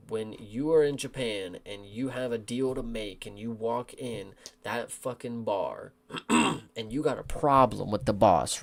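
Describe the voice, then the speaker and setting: A young man streaming, reacting to fight results in a frustrated, profane, animated rant with lots of slang. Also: medium pitch. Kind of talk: casual livestream reaction.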